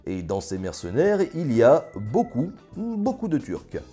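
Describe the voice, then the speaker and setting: A man narrating history with an ironic, joking, colloquial touch. His pitch swings widely while the tone stays mellow and slightly husky. Faint music plays underneath. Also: huge pitch swings, measured pace. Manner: ironic, jokey, colloquial storytelling. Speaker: history video presenter. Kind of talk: scripted casual narration.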